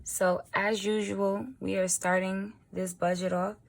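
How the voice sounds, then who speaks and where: A woman with a raspy early-morning voice, chatting informally as a vlogger while she writes out a budget. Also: mid-range voice, little pitch movement, a little slow. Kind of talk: casual budgeting vlog narration.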